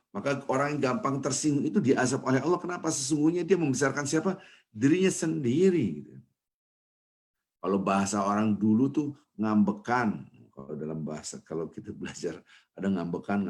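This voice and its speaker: A man giving a morning mosque sermon as a preacher, lively and acting out little everyday scenes with mimicked voices. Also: on the low side. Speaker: ustadz, preacher.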